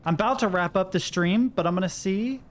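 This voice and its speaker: A man's voice: high-pitched, a little fast. An American man doing casual livestream game commentary, talking to himself as he plays and reading in-game notes aloud. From Kentucky, United States. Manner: talks to himself while playing. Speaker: game streamer.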